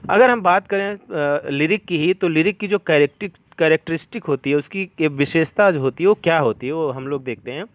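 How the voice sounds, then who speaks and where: A man with a somewhat high voice teaches a lesson, patient and repetitive in his explaining. He reads definitions out slowly before going over them again. The sound is dry and close. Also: dry recording. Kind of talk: classroom lesson.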